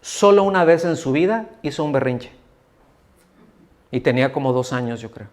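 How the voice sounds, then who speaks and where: A man's voice: medium pitch, animated, moderate pace. A middle-aged man, preaching a sermon in a church hall. He talks in a conversational way, keeps asking the congregation questions and acts out the voices of people he quotes. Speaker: pastor.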